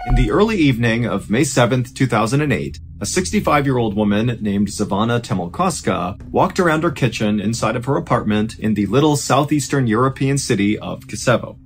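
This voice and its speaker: A man's voice: mid-range voice, lively intonation, a little fast, few pauses, faint music behind. A man hosting a podcast, narrating a true-crime story in a casual, conversational way. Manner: casual and conversational, with fillers like "you know".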